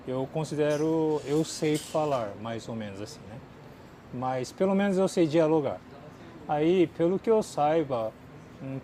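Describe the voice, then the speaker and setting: Outdoors in a city, with faint noise in the background, a Japanese-born man who is not a native speaker chats casually as a channel host answering viewer questions. His voice is fairly high and mellow, and his talk is loose and full of little fillers. He swings between bright, lively bursts and low mumbles.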